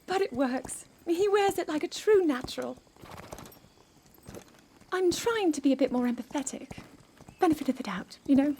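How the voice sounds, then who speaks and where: A woman's voice: sits high, lively intonation, normal speed, long pauses, dark tone, a little hiss or hum. A woman playing an earnest, burdened teenage princess in a dramatic video game cutscene, with formal, emotive delivery. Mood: gentle, content. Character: earnest, burdened sixteen-year-old princess, regal and yearning. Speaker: voice actor.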